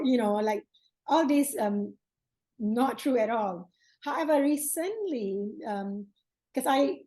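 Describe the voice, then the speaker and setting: A woman's voice: a little high, dark tone, poor audio. A woman hosting an interview, talking earnestly about her own views, with many fillers and restarts. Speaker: podcast host. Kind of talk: interview conversation.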